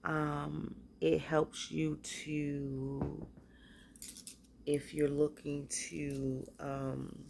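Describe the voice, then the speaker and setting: Stuffed up from a cold, this woman hesitantly walks through her homemade spiritual bath and body products in a relaxed, faltering way. Her voice is low, gravelly and darkish with a flat delivery, over a slight hiss or hum.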